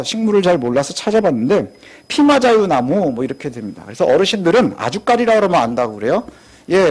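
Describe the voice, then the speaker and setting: High, lively male pastor preaching. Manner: conversational, many rhetorical questions; frequent affirming "ye" filler. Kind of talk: sermon.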